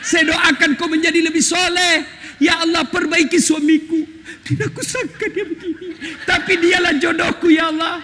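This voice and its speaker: A high, piercing wife's voice put on by a male preacher scolds her husband and calls him names. It rings out bright and sharp in an echoey hall with faint noise behind it. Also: steady tone, moderate pace. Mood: pleading. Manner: shouting, insulting her husband. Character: scolding wife from Java, furious then pleading.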